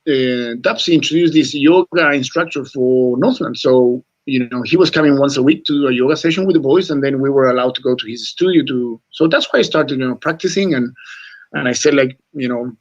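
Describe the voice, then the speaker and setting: In a radio interview, a rugby coach from Chile talks with earnest intensity, often repeating words and dropping "mate" frequently. He's in his forties, Spanish is his first language, and his medium-pitched voice moves briskly on a recording with the highs cut off.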